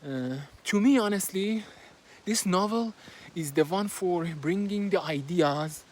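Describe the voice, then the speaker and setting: A book reviewer with a high-pitched voice speaks slowly and casually as he walks outside, hesitantly summarizing a book amid frequent fillers and restarts. He's a native Persian speaker with a Persian accent, and he recorded himself on a simple handheld phone without any fancy equipment.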